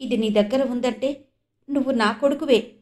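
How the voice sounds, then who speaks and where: A woman's voice: fairly high pitch, moderate pace, a little mellow, lightly acted. A woman narrator voicing an emotional, earnest middle-aged father who asks urgent, pleading questions.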